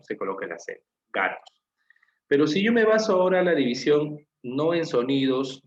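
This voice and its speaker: A man's voice: mid-range voice, roomy sound, lo-fi sound. A man with a Peruvian Spanish accent teaching an online class, patiently explaining and asking his students questions. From Peru.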